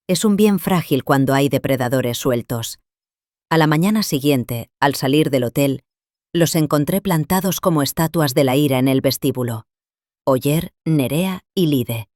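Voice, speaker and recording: An older woman calmly narrating her own story in the first person, measured and scripted. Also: sits low, no echo, clean studio sound.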